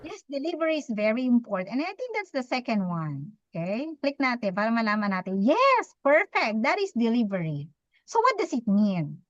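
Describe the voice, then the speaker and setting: A woman, teaching public speaking to a live audience, talking fast and quizzing her listeners. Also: a little high, very animated, no echo, dull audio. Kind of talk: interactive talk to a live audience.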